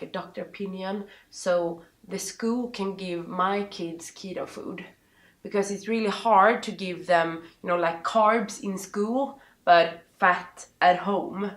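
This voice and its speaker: A woman with a Swedish accent, a native Swedish speaker, gives personal advice as an interview guest, haltingly searching for words. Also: fairly low pitch, vocal fry. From Sweden. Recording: roomy, echoing sound.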